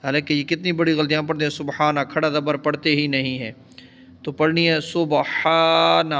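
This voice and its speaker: A male religious teacher with a Pakistani Urdu accent, explaining correct recitation and chanting example words slowly. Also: a little high, a bit bright, big-room sound. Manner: slow, drawn-out chanting of example words between quick explanations. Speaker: Islamic scholar teaching prayer recitation.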